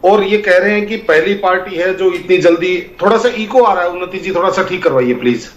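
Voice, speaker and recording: A man's voice: sits high, brisk, highs cut off. A man arguing as a panelist in a TV debate over a remote link, with a strong cave-like echo on his voice, lecturing and often restarting his sentences. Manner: lecturing, repeats points, frequent restarts. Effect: strong cave-like echo on his line. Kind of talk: political debate argument. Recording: echoey remote line.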